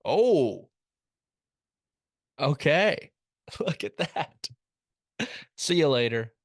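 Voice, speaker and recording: A man's voice: on the low side, gravelly, fairly bright tone, no room sound. A young man hosting a casual comedic sports recap, wry and rambling with jokey asides, recorded close in a small studio. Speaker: host.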